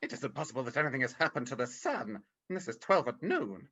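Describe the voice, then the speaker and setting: A woman's voice: extremely low pitch, expressive, fast talker, fairly bright tone, husky, full character voice. Woman acting as nervous old miser, stammering, swooping intonation, radio drama, dull video call audio. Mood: bewildered. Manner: stammering, hesitant, exclaiming. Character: frightened old miser Scrooge, anxious and bewildered man. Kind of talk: radio play rehearsed reading over video call.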